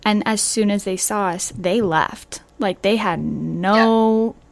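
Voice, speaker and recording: A woman's voice: medium pitch, slow, creaky. A young woman in casual podcast chat, enthusiastic and chatty with frequent fillers.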